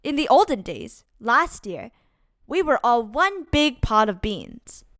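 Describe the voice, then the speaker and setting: Slow, lively high-voiced woman reading a storybook. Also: dry recording, studio quality. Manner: deliberate, dramatic delivery with acted-out exclamations. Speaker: storyteller reading a children's picture book aloud. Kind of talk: expressive read-aloud storytime narration for kids.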